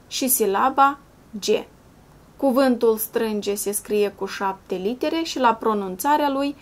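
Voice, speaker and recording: A woman primary school teacher giving a slow, clear video lesson, patiently spelling out syllables and sounds step by step. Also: a little high. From Moldova. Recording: voice-over with soft background music.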